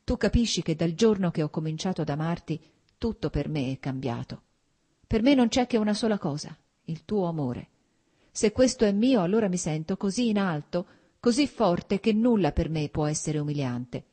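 A woman's voice: on the low side, expressive, normal speed, mellow. A woman voicing a trembling, proud noblewoman near tears. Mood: anguished. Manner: trembling, pleading, close to tears. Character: distraught young noblewoman, proud and tearful.

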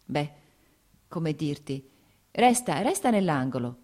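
A jealous, impulsive young husband in a classic novel audiobook, curt and quick to flare, read by a woman. The delivery stays low and dark, with only a slight lift for his lines. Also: lively intonation. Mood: agitated.

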